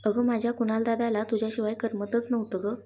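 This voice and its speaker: A woman's voice: on the high side, level tone, quick pace, mellow, close to an everyday voice. A woman voicing a playful young sister-in-law who teases in a theatrical way. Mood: teasing. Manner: cheeky and theatrical.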